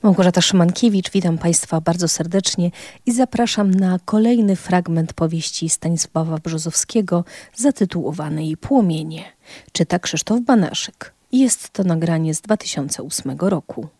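Female radio host, low warm voice, formal and brisk introduction. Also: no echo, clean studio sound. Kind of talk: program announcement.

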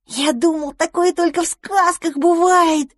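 A woman voicing a young boy mouse, eager and kind, talking in an excited way. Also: very high voice, measured pace, no echo, clean studio sound, pitched above the performer's own voice. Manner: excited, bright-eyed.

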